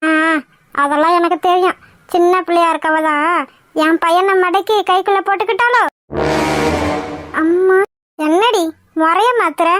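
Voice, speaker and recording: A woman's voice: very high-pitched, unhurried, long pauses, a bit bright. A woman voicing a haughty, scornful middle-aged mother-in-law in a cartoon, with a taunting, mocking delivery. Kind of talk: cartoon voice acting.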